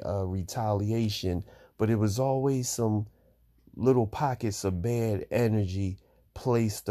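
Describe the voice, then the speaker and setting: A man's voice: fairly low pitch, warm tone. Laid-back man hosting a podcast. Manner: easygoing, rambling, many fillers and repeats. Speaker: podcast host. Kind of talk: casual solo podcast talk between songs.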